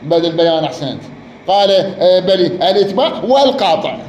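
Man, high pitch, drilling a student on grammar; echoey room, faint background noise. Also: big pitch swings, fast talker, darkish tone. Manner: repeats words, quizzes the student. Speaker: grammar teacher. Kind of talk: Arabic grammar lesson, question and answer.

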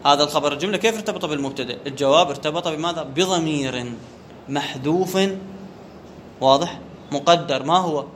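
Teaching Arabic grammar in a classroom, this man speaks fairly quickly with a fairly high pitch and a somewhat bright tone, and a little hiss or hum is audible. He quizzes the class, then answers his own questions and repeats the key vocabulary.

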